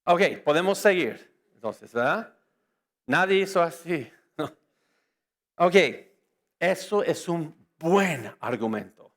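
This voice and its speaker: A man whose first language is English, giving an apologetics lecture to a church audience, lively and joking, firing rhetorical questions at the crowd. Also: a little high, takes it slowly, long pauses. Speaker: conference speaker.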